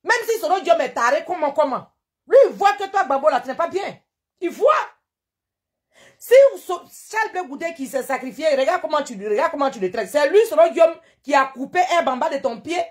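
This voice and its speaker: On a live stream, a woman with an Ivorian French accent delivers a political rant in a high-pitched, expressive, brisk voice. She scolds indignantly, hammering the same rhetorical questions.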